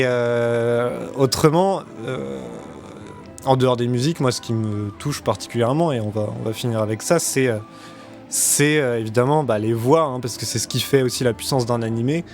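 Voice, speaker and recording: A man's voice: mid-range voice, darkish tone. A man hosting a casual discussion, speaking hesitantly in short bursts. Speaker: show host.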